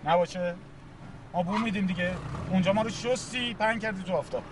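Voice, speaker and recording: A very high-voiced actor playing a hot-tempered brother who confronts and accuses. The recording carries clear background noise from the location. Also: male voice, natural voice. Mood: sulky. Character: hot-tempered brother defending his sister. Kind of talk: TV drama acting.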